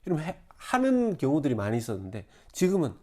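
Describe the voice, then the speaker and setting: A man's voice: fairly high pitch, wildly swooping pitch, fast talker, a little mellow. A middle-aged male pastor preaching a sermon in a conversational way, acting out the people he quotes.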